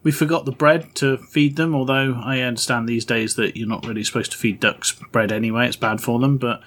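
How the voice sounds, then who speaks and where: A man's voice: medium pitch, fairly even intonation, brisk, fairly bright tone. A man in his forties chatting casually as a co-host, self-deprecating and laughing at his own jokes. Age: 40s. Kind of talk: casual chat.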